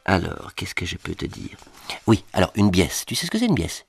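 A man's voice: low voice, huge pitch swings, moderate pace, creaky, slightly rough, dry recording, faint music behind. A man, explaining words to children with playful, mock-serious asides. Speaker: comic presenter.

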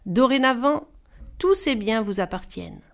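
A woman reading as a calm old village chief. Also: fairly high pitch, normal speed.

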